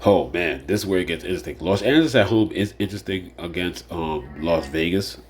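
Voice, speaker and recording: A low-voiced man hosts a casual solo fantasy sports preview, talking a little fast with lively intonation over a faint hiss or hum. He sounds nasal and slightly under the weather, rambling with plenty of fillers and repeated phrases.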